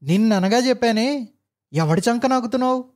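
Man doing angry bossy engineer, barking, scornful, high-pitched, hot-tempered. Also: expressive, moderate pace, a little mellow. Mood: furious. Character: arrogant middle-aged male engineer boss, hot-tempered.

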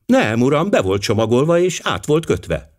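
A man voicing an excitable, gullible young housemaid in an audiobook, eager and quick to gush. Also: mid-range voice, pitched above the performer's own voice, lightly acted. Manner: breathless, eager.

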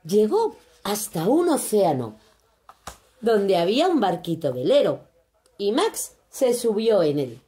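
A woman from reading a children's story aloud in an expressive, animated way. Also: medium pitch, unhurried.

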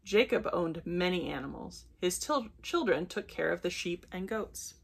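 Woman reading a kids' bedtime story, husky low voice, gentle, fixes her slips as she goes. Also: animated. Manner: gentle, unhurried reading with brief self-corrections. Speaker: children's ministry storyteller. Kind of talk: bedtime story read aloud for children.

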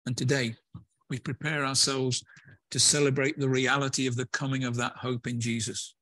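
A man's voice: mid-range voice, level tone, moderate pace, bright, forceful tone, dry recording. A man preaching a conversational sermon in a church, with hesitant fillers and restarts. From England.

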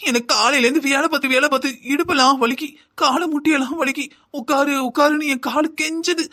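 Whiny scheming young wife, done by a man, cartoon, high voice, fast complaining lists. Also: bright, forceful tone, full character voice. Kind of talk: cartoon voice acting.

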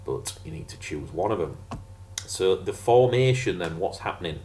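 A man's voice: sits low, lively intonation, normal speed, darkish tone, slight background noise. A man teaching a casual geography revision lesson over slides, chatty and jokey with sarcastic asides.

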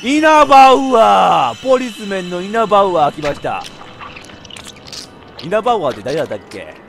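A man playing a horror game, giving joking running commentary and breaking into sudden shouts. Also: sits high, huge pitch swings, a little fast, soft background music. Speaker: VTuber game streamer.

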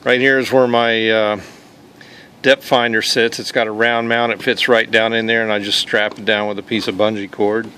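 A man walking through his homemade kayak fishing setup outdoors in a relaxed, plain-spoken way, pausing often with "uh". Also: on the low side, slight background noise. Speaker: kayak angler showing his gear. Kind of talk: casual show-and-tell walkthrough. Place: outdoors on a paved driveway.

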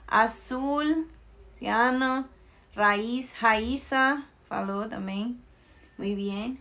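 Slow, careful Colombian woman teaching. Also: fairly high pitch, a bit bright. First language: Spanish. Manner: slow, repeats words for students to copy. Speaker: Spanish teacher. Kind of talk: live online language lesson.

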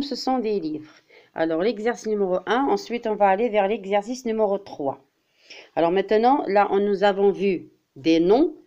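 A woman primary school teacher walks her pupils through a vocabulary exercise, speaking in a very slow, deliberate way. She repeats each word and acts out examples. Her voice sounds warm and relaxed, and the recording is a bit dull and lo-fi. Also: mid-range voice. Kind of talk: classroom vocabulary lesson.

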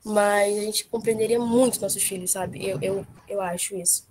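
A young woman with a cold telling a casual personal story, blunt and lively, with many fillers. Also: medium pitch, normal speed, slight background noise. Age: young adult. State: has a cold. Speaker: workshop participant.

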